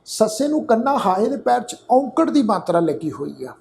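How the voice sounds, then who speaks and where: A man teaching scripture pronunciation, spelling out letters and vowel marks and then saying each word slowly. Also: high voice, big pitch swings, vocal fry, darkish tone, slight background noise. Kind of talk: slow line-by-line scripture pronunciation lesson.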